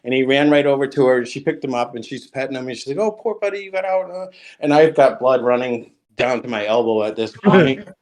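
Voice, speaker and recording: A man's voice: mid-range voice, steady tone, quick pace, hardly any pauses, darkish tone. A man, a podcast guest, telling a long story in a casual way, full of ums and restarts. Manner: rambling, with many ums and restarts.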